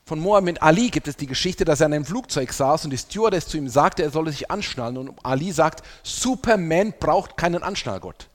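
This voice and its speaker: A man's voice: fairly high pitch, fast talker, few pauses. Guy preaching in a church, voice swings up and down a lot, long echo trailing off in the big hall. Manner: addresses the congregation directly, lively emphasis. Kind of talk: sermon with scripture reading.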